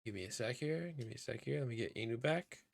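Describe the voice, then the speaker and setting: A man's voice: mid-range voice, animated, quick pace, creaky, dry recording. A man hosting a casual podcast chat over a voice call, rambling with lots of fillers. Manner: rambling, filler-heavy talk. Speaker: podcast host. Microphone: computer mic on a voice call.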